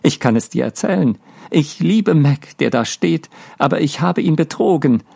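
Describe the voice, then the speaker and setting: A man voicing a frenzied young woman with a high, giddy voice in an audiobook reading. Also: lively intonation, normal speed, creaky, warm tone, breathy edge, heavily acted. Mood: manic.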